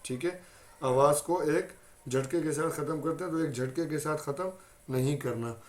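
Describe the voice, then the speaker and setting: A man's voice: on the high side, moderate pace. Patient Urdu-accented male tajweed teacher. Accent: Pakistani Urdu. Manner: patient, repeats each point and demonstrates letters loudly. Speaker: Quran recitation teacher. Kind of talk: Quran recitation lesson.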